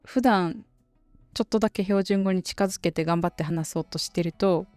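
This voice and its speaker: A woman with a Kansai Japanese accent hosting a casual solo podcast for Japanese learners, chatty and relaxed. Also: fairly low pitch, moderate pace, no room sound, faint music behind. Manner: chatty and relaxed, dialect-heavy. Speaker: podcast host teaching Japanese.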